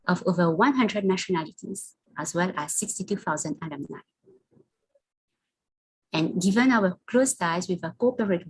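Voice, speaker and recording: A woman with a slightly husky, lowish voice presents an online information session. She moves through her slides in a steady, prepared way and hands over to the next speaker. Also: rough recording. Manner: scripted, calls for the next slide.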